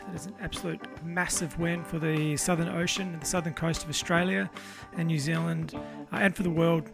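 Male podcast host, casual and keen, fairly high voice with plenty of creak. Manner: informal, sweary, enthusiastic. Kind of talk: casual chat with spoken introduction.

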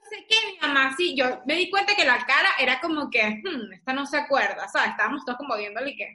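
A woman's voice: sits high, quick pace, roomy sound, heavy background noise. A young woman co-hosting a casual podcast chat, telling stories and acting out the voices of the people in them. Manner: animated storyteller, acts out quoted voices. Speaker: podcast co-host.

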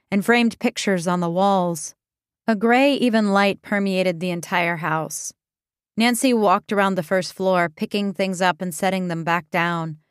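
A woman reading an audiobook in a steady, measured storytelling voice on a close microphone. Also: mid-range voice, dry recording. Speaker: audiobook narrator. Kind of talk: scripted narration.

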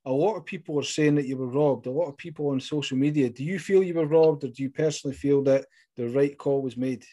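Scottish male interviewer, mellow warm tone, chatty, encouraging, asks long questions. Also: a little high, quick pace. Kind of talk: sports interview.

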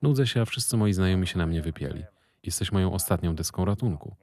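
A man voicing a bored, sulky young woman in a storybook reading. She complains quickly, through her teeth. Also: low voice, expressive, a little mellow. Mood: coaxing.

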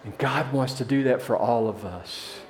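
A man preaching a sermon in a church, telling a parable with animated voices for its characters. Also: mid-range voice, normal speed, echoey room. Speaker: pastor.

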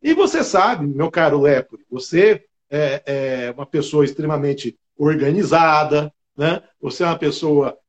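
Lively middle-aged Brazilian man, anecdotal storyteller. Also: fairly high pitch, unhurried, hardly any pauses. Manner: animated, fills with "né" often. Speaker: guest, state attorney. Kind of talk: storytelling in a casual interview.

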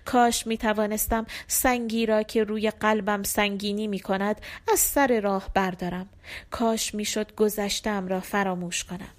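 A woman's voice: mid-range voice, flat delivery, close to an everyday voice. A woman reading the lines of a nostalgic aristocratic stage character in a wistful, declamatory way.

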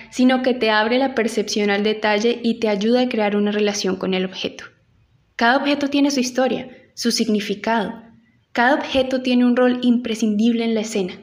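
A woman giving an instructional audio lesson as an acting teacher, speaking directly to the listener and guiding them through an exercise. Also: on the high side. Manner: addresses listener directly with instructions and reflective questions.

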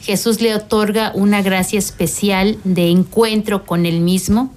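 During a radio interview, a middle-aged religious sister speaks calmly at medium pitch, explaining things at length. She pauses often and uses frequent fillers.

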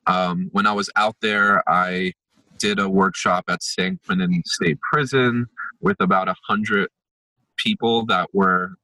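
A young man with a deep voice speaks a little slowly, with fairly even intonation and a sharp tone, in a dry, low-quality recording. An empathy workshop facilitator born in Israel and raised in New Jersey and New York, he is a podcast guest speaking reflectively in a conversational interview, with frequent fillers and restarts.

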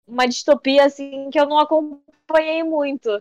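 A woman's voice: high-pitched, normal speed, no room sound, soft background music. A young woman, a social media creator, chatting casually as an interview guest and telling stories animatedly, acting out the voices of people she quotes. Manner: animated storyteller who acts out quoted voices and says "tipo" often.

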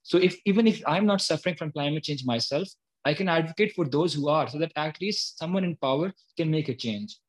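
A Pakistani man in his early 20s, appearing as an activist guest, earnestly explains his views in spontaneous interview talk. His voice is a little high and his pace fairly quick.

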